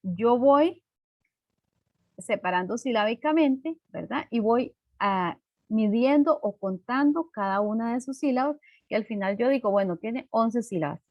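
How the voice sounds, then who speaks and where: A woman's voice: fairly high pitch, expressive, no echo, highs cut off. Woman teacher, online class, keeps checking understanding, fillers, dry close sound. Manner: explains slowly with many fillers and tag questions.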